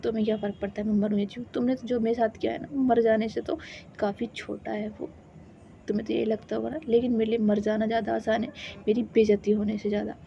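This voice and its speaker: A woman voicing a fiery, protective young woman who scolds loudly, on a dull lo-fi recording with faint hiss. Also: fairly high pitch, level tone, fast, gravelly. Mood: bitter. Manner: scolding, raises voice sharply.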